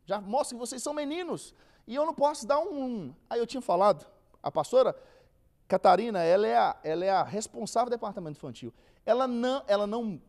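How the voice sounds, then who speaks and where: A theology teacher with a Brazilian Portuguese accent speaks in a high, slightly mellow voice. He leads a casual church Bible lesson, acting out quoted speech in everyday slang.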